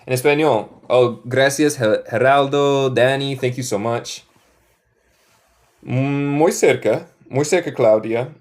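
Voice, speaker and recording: A man's voice: mid-range voice, slow. A man from Michigan with a Northern US accent, a native English speaker teaching a live online lesson in Spanish and English. He repeats example sentences carefully and thanks viewers by name. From Michigan, United States.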